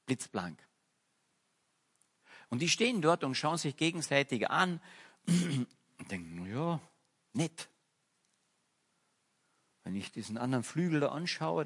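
A man preaches in a church, telling a parable in a conversational, illustrative way. His voice is somewhat husky, and his pitch sits in an ordinary middle range. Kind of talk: sermon.

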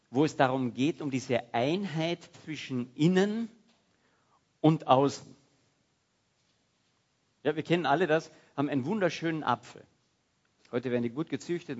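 A man preaching a sermon in a lively, conversational way. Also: mid-range voice, highs cut off. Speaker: pastor.

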